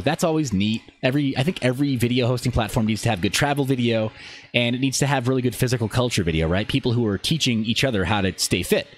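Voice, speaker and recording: A male live streamer and channel host rambles over background noise in a medium-pitched voice, interrupting himself with asides. In casual livestream chat, he answers viewer questions while demonstrating a website.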